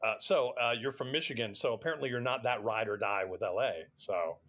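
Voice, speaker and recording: A man's voice: mid-range voice, brisk, fairly bright tone. A middle-aged man from the United States, a podcast guest telling anecdotes casually in a wry, self-deprecating way. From United States, Atlanta area. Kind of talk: casual anecdotal interview chat.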